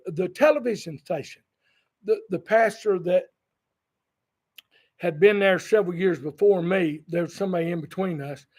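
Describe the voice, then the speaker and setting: Folksy high-voiced pastor. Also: male voice, darkish tone. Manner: folksy anecdotes with humorous asides. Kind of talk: sermon with storytelling.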